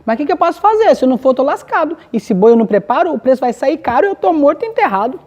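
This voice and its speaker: A woman's voice: sits high, big pitch swings, rapid-fire, a little mellow, voice pushed up. A woman with a Brazilian accent voicing a frightened, devout young farmhand who pleads and frets. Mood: anxious. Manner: pleading, anxious.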